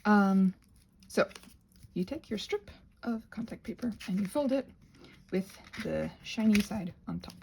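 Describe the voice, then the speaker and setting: Her medium-pitched voice is creaky and darkish, with lively intonation, a measured pace, and frequent pauses, plus a faint hiss or hum in the phone recording. She's a crafter showing how to prep butterfly wings, rambling theatrically and interrupting herself with asides to herself and to objects.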